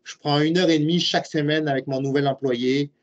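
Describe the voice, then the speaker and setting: In muffled, lo-fi web call audio, a man with a Québécois French accent talks briskly in a steady voice on the high side. In his late forties, he serves as a university program director and professor, and he responds to webinar questions with earnest explanations, thinking aloud as he goes.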